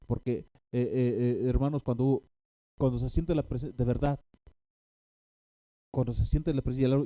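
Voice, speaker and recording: Preacher guy, super mellow dark voice, stumbles and repeats a lot, dry close sound. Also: medium pitch, dry recording. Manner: halting, many restarts and fillers, rising to animated outbursts. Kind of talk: sermon storytelling.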